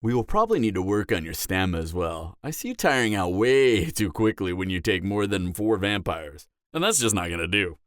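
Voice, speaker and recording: A smooth, low-pitched male voice with big pitch swings plays a dangerous, cocky, flirtatious adult male vampire who once killed. Teasing the listener in this audio roleplay, he uses a smug, seductive drawl and dramatic pauses. The sound is clean studio audio with no room sound.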